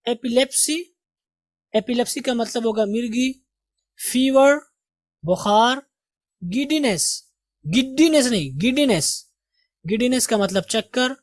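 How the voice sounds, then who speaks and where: A woman teaching English vocabulary, saying each word slowly and quizzing her learners on how to pronounce it. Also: a little high, dry recording. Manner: slow, deliberate pronunciation drills with quiz questions. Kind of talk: vocabulary lesson.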